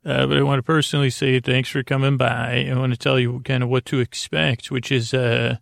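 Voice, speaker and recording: The bedtime podcast host's voice is medium in pitch and creaky, with little pitch movement, as he rambles haltingly from one whimsical tangent to the next in his monologue. The audio is clean studio sound with no room sound.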